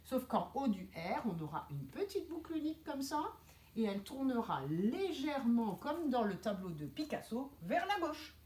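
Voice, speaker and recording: A woman teaching a kindergarten handwriting lesson, her voice rising and falling a lot as she explains each stroke. She is precise and gently firm with the children. The classroom gives her voice a noticeable echo. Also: fairly high pitch, very animated, normal speed.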